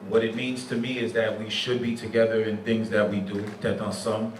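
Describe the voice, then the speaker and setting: Fielding panel questions with care, this man, a teacher and nonprofit program director, drops in bits of Creole and French. His fairly low voice is level and brisk, picked up from a distance in an echoey room with some faint background noise.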